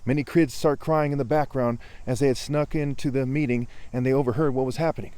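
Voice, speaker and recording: Earnest man with a mellow, darker voice. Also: mid-range voice, fairly even intonation, brisk, clear, resonant tone, dry recording. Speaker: storyteller. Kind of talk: improvised parable narration.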